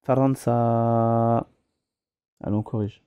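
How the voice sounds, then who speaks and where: Male teacher, patient and methodical, very slow, mellow tone, breaks words into syllables and corrects pronunciation. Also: mid-range voice, fairly even intonation, clear, resonant tone, dry recording, studio quality. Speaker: Arabic teacher. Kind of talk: slow, patient reading lesson with repetition.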